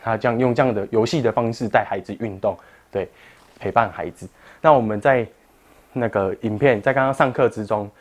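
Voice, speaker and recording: A man's voice: lowish voice, brisk, a little mellow. A man with a Taiwanese Mandarin accent, teaching a parent-child exercise class and patiently explaining each move to parents.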